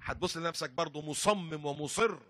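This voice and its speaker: A man's voice: a little high, a little fast. An older man with an Upper Egyptian Arabic accent who preaches a sermon and tells stories and jokes with plenty of humor. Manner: lively storytelling, jokes and laughs.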